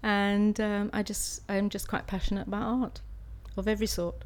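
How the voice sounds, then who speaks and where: A South Wales woman from Swansea, in her sixties, talks about being an art student and practising artist as an interviewee, chatting somewhat hesitantly. Her voice is medium-pitched with a level tone at normal speed.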